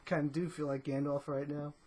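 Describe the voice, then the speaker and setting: A woman's voice: low voice, little pitch movement, moderate pace, warm tone, husky. A woman rambling through a casual comedic vlog in a drawling, laid-back stoner-dude manner, tacking "man" onto her phrases and filling gaps with "you know" and "uh.". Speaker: vlogger.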